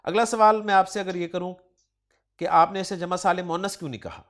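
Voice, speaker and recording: This man's voice sits high and a bit bright, with fairly even intonation. He has a Pakistani Urdu accent and runs a question-and-answer lesson on Quranic grammar, testing his student and complimenting each reply.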